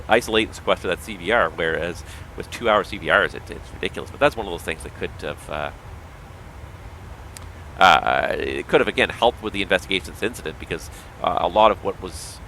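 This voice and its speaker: A pilot livestreams casual commentary, explaining things at length in long running thoughts and voicing firm opinions in a strained, tiring voice. His voice is low, pushed and bright, and a little fast. The recording is rough, with a slight hiss or hum.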